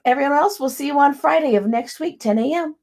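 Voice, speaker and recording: Woman therapist co-host, wry and supportive, with a gravelly voice. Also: high-pitched, quick pace, a little mellow. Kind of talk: casual conversation.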